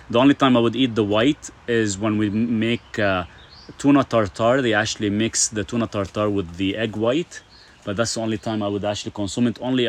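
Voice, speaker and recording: This is a middle-aged man from Lebanon with a lowish voice. He hosts a relaxed live stream where he reads comments from viewers aloud and chats back at them, using plenty of fillers.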